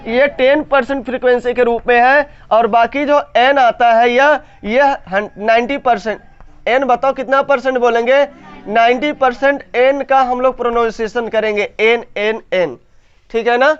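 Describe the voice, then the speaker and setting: High-voiced man drilling a class. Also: steady tone, clean tone. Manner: repeats each point as a question to the class; stretches key words slowly for emphasis. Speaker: English grammar teacher. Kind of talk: classroom lesson with call-and-response. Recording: slightly dull lo-fi sound.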